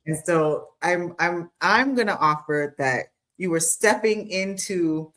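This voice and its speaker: Low-voiced woman podcast co-host. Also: animated, slow pace, a bit bright. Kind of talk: casual conversational podcast talk.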